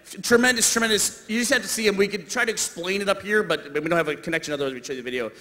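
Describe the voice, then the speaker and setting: A man's voice: sits high, fairly even intonation, racing, sharp tone. A man moderating a live convention panel, joking and laughing often, on a stage mic in a big hall.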